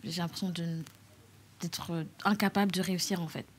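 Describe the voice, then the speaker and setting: A young woman with a French accent telling her own story as a talk show guest, halting, with many fillers and restarts. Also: on the low side, level tone, slight background noise. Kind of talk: personal testimony on a talk show.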